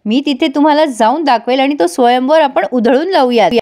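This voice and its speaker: Cheeky bold village girl read by a woman, playful, high voice. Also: brisk, darkish tone, lightly acted. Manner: playful, filmy.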